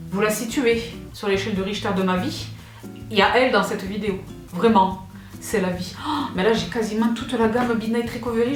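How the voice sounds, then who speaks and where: Female beauty vlogger, 30s, gushing and excitable, roomy echo, faint music underneath. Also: mid-range voice. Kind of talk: casual chat unboxing products. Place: indoors, seated.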